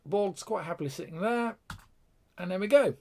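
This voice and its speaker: A man's voice: sits high, normal speed, noisy background. A man with a British accent hosting a casual tech live stream, chatty and rambling, often breaking off with fillers and restarts.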